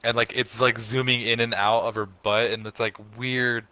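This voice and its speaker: A man's voice: normal speed, clear, resonant tone, no echo, low-quality recording. A young man co-hosting a podcast, chatting casually, swearing often and yelping up when exasperated. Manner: animated, swears a lot, jumps up in pitch when exasperated. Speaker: podcast co-host. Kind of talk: casual chat.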